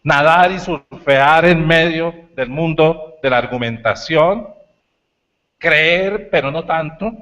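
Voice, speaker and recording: A man giving a university lecture, telling stories with animated, shouted bits. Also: a little high, slow pace. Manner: animated storytelling, shouts acted lines. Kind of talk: lecture talk.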